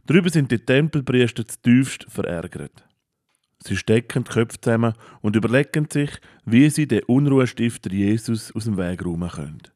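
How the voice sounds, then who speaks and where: A man narrating a children's Bible story in a calm, plain storytelling manner. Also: mid-range voice, moderate pace, no room sound, clean studio sound.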